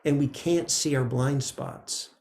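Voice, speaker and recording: A man teaching meditation in a relaxed, conversational dharma talk, often checking in with "right?". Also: medium pitch, takes it slowly, roomy sound, slight background noise. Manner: gentle, conversational, frequent "right?" asides.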